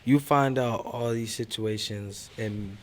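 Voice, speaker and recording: A man's voice: fairly low pitch, slow. A man in a rap crew, laid-back and joking as he talks in a group interview. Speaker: rapper, crew member.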